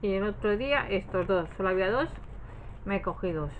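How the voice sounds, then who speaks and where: Speaking a little fast and expressively at a medium pitch, this Spanish woman rambles through a craft haul, holding her purchases up to the camera and frequently trailing off or correcting herself. The audio is poor, with slight background noise.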